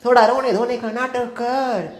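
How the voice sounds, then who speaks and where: A man playing a sly woman who quietly plots to stir up a neighborhood feud in a comedy sketch. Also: fairly even intonation. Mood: scheming. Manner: low, conspiratorial, drawn-out plotting. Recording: echoey room, faint music.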